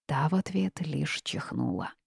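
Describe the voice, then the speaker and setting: A woman narrating a fantasy audiobook in the first person, telling it calmly and steadily. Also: sits low, a little slow, creaky, husky, dry recording, studio quality. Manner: calm even storytelling, first person.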